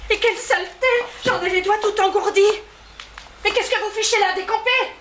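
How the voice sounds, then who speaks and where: A woman acting as a furious, proud widow on stage, snapping sharp retorts in an echoey room. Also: extremely high pitch, a little fast. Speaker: stage actress. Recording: echoey stage recording, faint noise.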